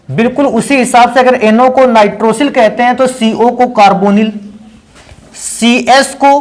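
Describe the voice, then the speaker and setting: High-voiced man teaching chemistry. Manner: patient, addresses students as "beta" and asks them questions. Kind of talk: classroom lecture.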